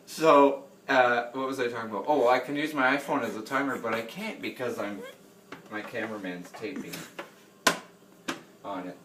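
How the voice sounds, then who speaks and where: A man's voice: mid-range voice, moderate pace, recorded from a distance. A man talks casually while he cooks, rambling and joking at his own expense. He is recorded in a home kitchen on a camera mic across the room. The sound echoes, and noise runs steadily behind his voice. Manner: rambling, self-deprecating, laughs often. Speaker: home cooking vlogger. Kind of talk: casual chatty cooking vlog.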